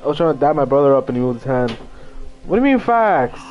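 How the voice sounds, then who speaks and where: A man's voice: medium pitch, big pitch swings, fast talker, lo-fi sound, faint music behind. A man playing a game on stream, talking casually in brash, profane outbursts. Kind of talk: casual gameplay chat.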